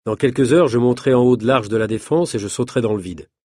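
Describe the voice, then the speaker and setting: A man voicing a confident daredevil stuntman in a storybook reading, husky and self-assured. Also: mid-range voice, fast, dark tone, no echo, studio quality, close to an everyday voice. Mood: breezy.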